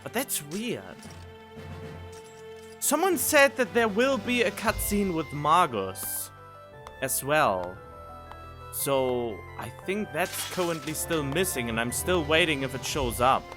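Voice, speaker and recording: This man's voice sits on the high side, expressive and slow-paced, as he casually reacts to game cutscenes. Puzzled, he thinks aloud, captured by a studio condenser microphone against background music from the cutscenes.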